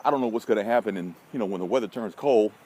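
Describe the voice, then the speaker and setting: A man's voice: fairly low pitch, racing, warm tone. An American man talking casually and bluntly to listeners while out walking in a park, rambling with wry, folksy asides. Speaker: vlogger and social media marketing consultant. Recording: noisy outdoor walking recording, vehicle sounds. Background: outdoor city ambience, passing vehicles.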